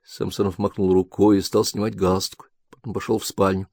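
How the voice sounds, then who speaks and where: Low-voiced male audiobook narrator. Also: little pitch movement, a little fast, a little mellow, no echo, clean studio sound. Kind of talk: scripted narration.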